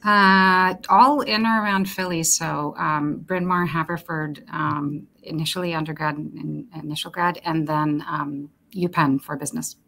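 A woman in her forties, from Romania, answering interview questions over a video call in a measured, thoughtful way with frequent ums. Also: sits low, fairly even intonation, gravelly, pushed and bright, slight background noise. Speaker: guest, talent executive. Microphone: webcam on a video call.

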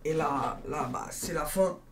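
A young man recapping a football match in casual chat, animated, repeating phrases for emphasis and calling viewers guys, filmed on a webcam in his bedroom. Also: a little high, unhurried, slight background noise. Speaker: football video creator. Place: bedroom, indoors, small.

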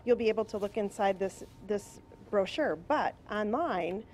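A woman's voice: medium pitch, lively intonation, a little slow, darkish tone, slight background noise. A middle-aged woman from a tourism bureau, chatty and enthusiastic, speaking into a reporter's handheld mic in a restaurant. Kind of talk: live TV interview. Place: restaurant dining room, indoors.

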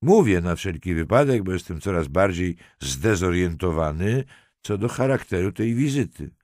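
A man's voice: deep voice, expressive, moderate pace, darkish tone, no echo. A man reading a self-assured police lieutenant who trades dry, ironic banter. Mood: wry.

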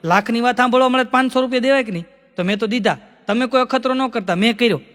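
A man tells stand-up stories in a very high, bright voice. He talks chattily and acts out the people he quotes. A long reverb trails his words, as on a hall stage. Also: rapid-fire. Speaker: stand-up comedian. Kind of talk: live stand-up storytelling.

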